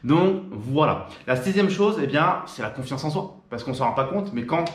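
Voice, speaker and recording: A man's voice: on the high side, expressive, normal speed, roomy sound. A French man chatting informally to camera, with frequent fillers and restarts. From France. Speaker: YouTuber. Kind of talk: casual direct-to-camera talk.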